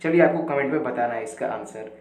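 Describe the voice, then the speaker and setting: A man's voice: mid-range voice, fast, a little mellow, echoey room. A man teaching an exam quiz lesson, going through questions and answers with emphatic, repeated reminders.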